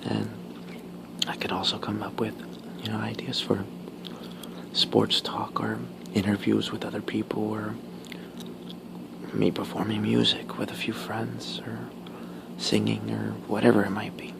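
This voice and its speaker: A man whispering casual ASMR talk while chewing gum, pausing between short, halting phrases. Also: lowish voice, completely flat delivery, vocal fry, background noise. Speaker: ASMR video creator.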